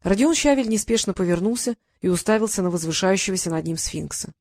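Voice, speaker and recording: Woman reading an audiobook, steady storyteller voice, dry close mic. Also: medium pitch, fast, no echo. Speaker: narrator. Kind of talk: audiobook narration.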